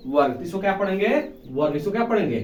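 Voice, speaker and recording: A man with a high, animated voice talks fast while teaching children a basic math lesson, posing questions and answering them himself with patient repetition. He affectionately calls his pupils "babu." The classroom sounds echoey, he's off-mic and distant, and there's a bit of hiss or hum.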